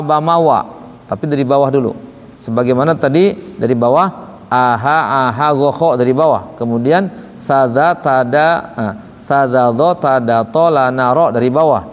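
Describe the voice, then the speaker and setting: A male teacher giving a lesson on pronouncing Arabic letters, demonstrating each sound and leading group drills in a patient, explanatory way. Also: medium pitch. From Indonesia. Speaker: Quran recitation teacher. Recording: long reverb, faint ambience.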